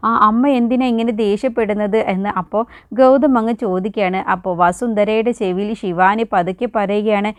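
Clear-voiced woman retelling a serial. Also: mid-range voice, steady tone, brisk, no echo. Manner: quotes each character's lines directly and tags sentences with a chatty particle. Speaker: serial recap narrator. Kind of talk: casual retelling of a TV serial episode.

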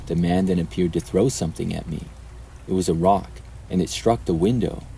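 A man narrating true horror stories in a calm, even storytelling manner. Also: low voice, fairly quick, vocal fry, slight background noise, rough recording.

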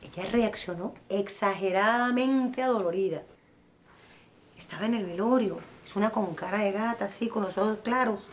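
A woman's voice: medium pitch, moderate pace, a little hiss or hum, close to an everyday voice. An actress with a Venezuelan accent playing a blunt, insistent godmother who spreads what she heard, in a telenovela. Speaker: godmother Celeste. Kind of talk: telenovela acting.

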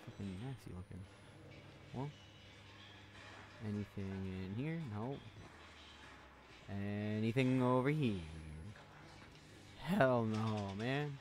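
A man giving casual gameplay commentary, swearing a lot, talking to the game's characters and yelling when startled. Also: lowish voice, slow, long pauses. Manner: jumpy, yells when startled. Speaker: let's play host.

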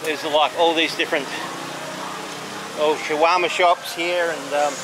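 This walking tour vlogger from Australia has a higher-pitched male voice with fairly even intonation. Heading down a city street, he offers casual, halting commentary, pointing things out as he goes. Street and vehicle noise come through clearly in the outdoor recording.

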